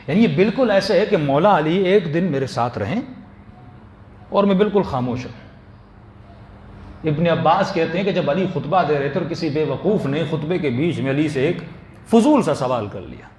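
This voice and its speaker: A man's voice: on the high side, animated, darkish tone, a little hiss or hum. A man preaching a Muharram sermon in a mosque, building through rhetorical questions to impassioned emphasis. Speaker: Shia cleric giving a Muharram majlis. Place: mosque hall. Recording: echoey mosque hall, faint ambience.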